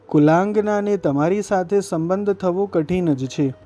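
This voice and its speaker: Shy devoted young milkmaid, as a man reads her, hesitant, mellow tone. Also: high-pitched, a little slow, faint music behind.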